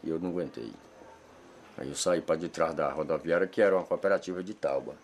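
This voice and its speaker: A man's voice: extremely low pitch, fast talker, a little hiss or hum. A man recounting his memories as a villager interviewee. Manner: plain storytelling with regional speech. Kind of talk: spoken testimony.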